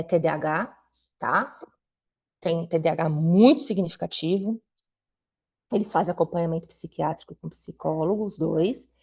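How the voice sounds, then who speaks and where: A woman's voice: lowish voice, darkish tone. A middle-aged woman, an invited educator, talking to parents in a conversational way with frequent tag questions. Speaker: invited school supervisor and educator. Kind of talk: talk to parents at a meeting.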